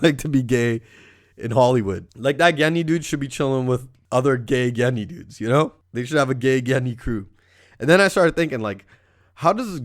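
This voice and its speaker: A man from Canada hosting a podcast, telling stories in a casual, profane, rambling monologue. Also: mid-range voice. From Surrey, Canada. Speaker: podcast host.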